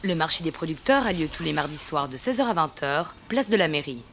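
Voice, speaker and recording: Low-voiced woman narrating news. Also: expressive, brisk, fairly bright tone, a little hiss or hum. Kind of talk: scripted narration.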